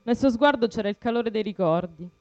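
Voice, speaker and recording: Woman reading with a smooth, clear voice. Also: fairly high pitch, brisk, dry recording. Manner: steady, earnest reading. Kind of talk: literary reading, first-person narration. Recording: dull, dry lo-fi recording.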